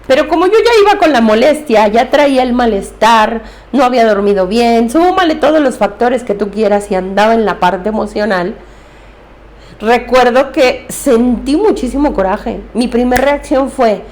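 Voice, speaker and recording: A woman's voice: fairly high pitch, lively intonation, moderate pace, darkish tone. A woman therapist, giving earnest, direct advice on handling emotions.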